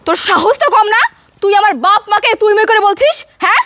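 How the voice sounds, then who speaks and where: Hostile young wife, very high and quick, woman cast. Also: lively intonation, no echo, clean studio sound, full character voice. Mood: angry. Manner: taunting, insulting, rapid-fire shouting. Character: sharp-tongued young wife, defiant and hostile. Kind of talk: melodramatic family drama acting.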